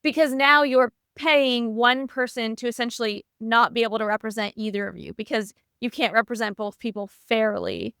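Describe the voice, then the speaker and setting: A woman co-hosting a real estate podcast, chatty and informal, with quick asides. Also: fairly high pitch, fairly bright tone, smooth, dry recording, clean studio sound. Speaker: podcast co-host. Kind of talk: casual podcast chat.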